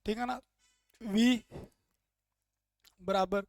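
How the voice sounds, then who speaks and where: A man's voice: high voice, fairly even intonation, drawn-out words, no echo, clean studio sound, faint music behind. Man drilling students with questions. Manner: asks questions and answers them himself, drilling key points; plain, chatty and jokey explaining. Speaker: teacher. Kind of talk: classroom lecture.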